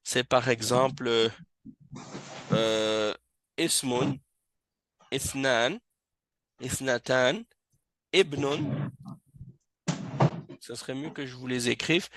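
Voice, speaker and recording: A man teaching an Arabic reading class in a mosque, explaining slowly and patiently and repeating words so students catch the pronunciation. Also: mid-range voice, a bit bright, a little hiss or hum.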